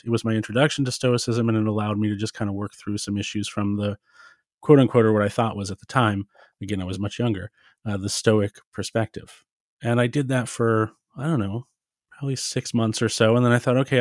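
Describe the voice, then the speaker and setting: Man, lowish pitch, self-deprecating, casual storytelling, dry close recording. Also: no room sound. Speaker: podcast guest, philosopher and podcaster.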